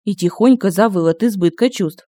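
A man narrating an audiobook in a lively, expressive reading. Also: sits high, moderate pace, no room sound.

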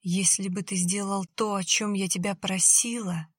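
A woman's voice: mid-range voice, steady tone, moderate pace, dry recording, studio quality, lightly acted. A woman voicing a dying young woman who speaks weakly and bitterly in a half whisper. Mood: accusing. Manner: weak, breathy, half-whispered.

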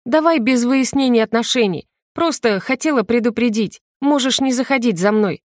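A woman reading an audiobook and voicing a proud young sorceress who is sharp, indignant and close to tears. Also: on the high side, normal speed, dry recording, pitched above the performer's own voice, close to an everyday voice. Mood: cool, curt.

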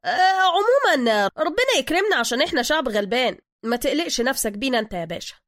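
A woman voicing a brash streetwise male taxi driver with an Egyptian accent, talking loud and fast. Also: high voice, sing-song, no echo, clean studio sound, voice pushed up.

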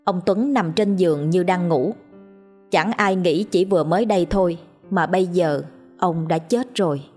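A woman storyteller reading a ghost story in a steady, measured way. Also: on the low side, soft background music.

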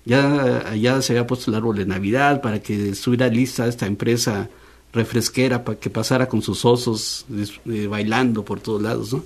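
A Mexican man hosts a relaxed university radio chat in a middle-pitched voice. He talks in a loose, easygoing way and keeps checking in with tag questions. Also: normal speed. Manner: chatty, frequent tag questions. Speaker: radio host. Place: radio studio.

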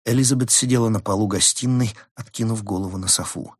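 Low husky male audiobook narrator. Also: no echo, studio quality. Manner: measured, dramatic storytelling. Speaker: audiobook reader. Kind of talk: scripted narration.

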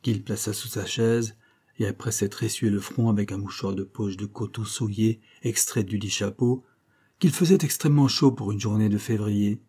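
Un homme lisant un roman classique en narration posée et régulière. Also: male voice, on the low side, normal speed, dark tone, breathy edge. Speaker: audiobook reader. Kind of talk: scripted narration of a classic novel.

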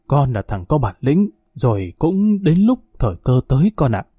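Male narrator as a kindly old father-in-law, reassuring, warm low tone. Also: big pitch swings, moderate pace, breathy edge, no echo, clean studio sound. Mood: fatherly. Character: older father-in-law, kindly, fretting grandfather.

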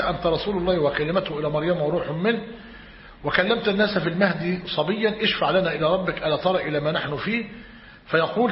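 A man teaching a religious lesson. He reads a commentary aloud and explains it. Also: a little high. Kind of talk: lecture on creed. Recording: echoey hall, muffled lo-fi.

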